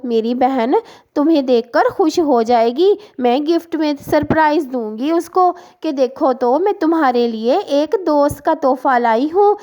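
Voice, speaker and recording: A woman voicing a scheming, sweet-talking female kite bird in a cartoon story, coaxing her prey with gushing flattery. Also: high-pitched.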